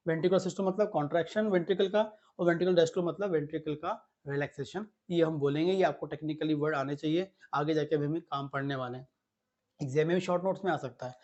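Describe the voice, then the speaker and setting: A man's voice: on the high side, quick pace, a little mellow. A male teacher giving a classroom lecture, repeating key terms and asking himself questions before answering them. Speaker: physiology teacher. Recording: slightly muffled lo-fi audio.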